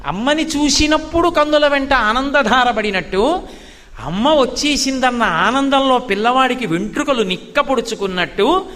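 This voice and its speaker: High bright-voiced man preaching in a hall. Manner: animated storyteller who recites Sanskrit verses. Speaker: spiritual discourse speaker. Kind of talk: devotional sermon with storytelling. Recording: long hall reverb.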